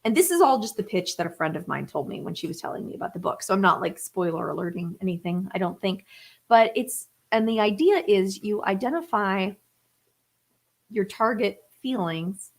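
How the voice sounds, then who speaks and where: A woman in her thirties chatting casually on a live stream, thinking aloud with fillers and restarts. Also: mid-range voice. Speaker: singer-songwriter livestream host. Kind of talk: casual livestream chat. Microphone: webcam or phone on a live stream.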